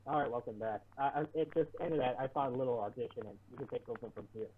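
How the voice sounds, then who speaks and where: Muffled man, as if through a wall. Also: mid-range voice. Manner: halting, stumbling restarts. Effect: muffled, as if heard through a wall. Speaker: online show co-host reading an article. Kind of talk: reading aloud with sarcastic asides. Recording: muffled, distant, lo-fi mic with popping and faint hiss.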